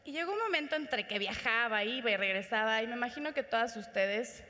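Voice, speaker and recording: High-voiced Mexican woman giving an inspirational talk. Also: brisk. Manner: animated, addresses audience directly. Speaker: motivational speaker. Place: conference hall. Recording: reverberant conference hall.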